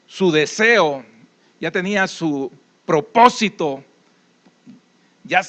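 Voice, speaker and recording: A man's voice: a little high, fairly bright tone. A man with a Salvadoran accent preaching a sermon in a conversational way, telling folksy stories and checking in with tag questions.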